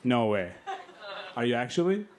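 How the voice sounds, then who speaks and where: A man's voice: medium pitch, very animated, normal speed. A young man from Bangladesh doing a stand-up set, teasing the audience with crass, brash banter on a club stage. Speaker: stand-up comedian. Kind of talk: stand-up set with crowd work. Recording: club set with roaring crowd laughter. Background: loud audience laughter.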